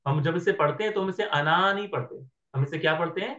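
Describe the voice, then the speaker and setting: In an online class, a man teaches Arabic grammar, patiently checking whether his students are following along. His voice is a little high and a bit bright, he talks fast, and the recording is muffled.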